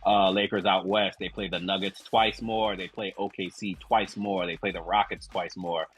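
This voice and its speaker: A man hosting a sports podcast in casual chat, measured and steady, often filling with "you know". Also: sits low, a little hiss or hum. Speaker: podcast host leading the segment.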